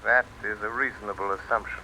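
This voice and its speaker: An actor playing an unseen, mocking avenger in an old-time radio drama, speaking deliberately and theatrically. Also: male voice, fairly low pitch, fairly even intonation, pushed and bright, slight background noise, poor audio. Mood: menacing, taunting. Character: the Shadow, unseen avenging man, commanding, mocking, menacing.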